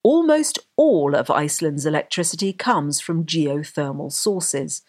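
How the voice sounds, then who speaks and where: A woman narrating a documentary script with a husky voice. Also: deep voice, lively intonation, unhurried, a little mellow.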